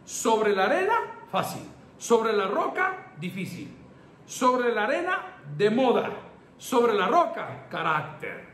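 Brief: male pastor, fifties, high-pitched and emphatic preaching, roomy echo. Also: sing-song, slow, a bit bright. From El Salvador. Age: 50s. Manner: emphatic, rhythmic call-and-response preaching. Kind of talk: sermon. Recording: echoey room with faint noise.

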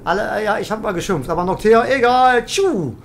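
A woman's voice: medium pitch, lively intonation, a little fast, a little hiss or hum. Chatty woman streamer teasing her chat. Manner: chatty, teasing viewers, mock-indignant. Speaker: gaming streamer. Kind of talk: live game commentary reading chat.

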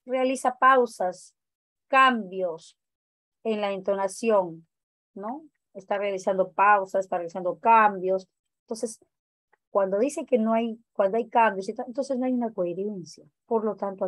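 A woman's voice: mid-range voice, a little slow, a bit bright, no echo. A woman teacher leading an online training class, explaining exam answers and asking the group questions. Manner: questioning, explanatory, many fillers.

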